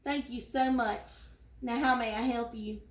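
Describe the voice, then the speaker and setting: A woman's voice: a little high, fairly even intonation, unhurried, close to an everyday voice. A woman voicing a proud male lion, king of the jungle, who speaks in a grand, regal way. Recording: roomy echo.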